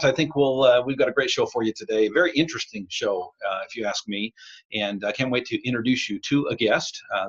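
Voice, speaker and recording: A man's voice: medium pitch, slightly rough. An American man hosting a podcast in casual talk, with a tinny sound as if in a tin can, picked up by a laptop microphone. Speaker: podcast host. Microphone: laptop built-in microphone.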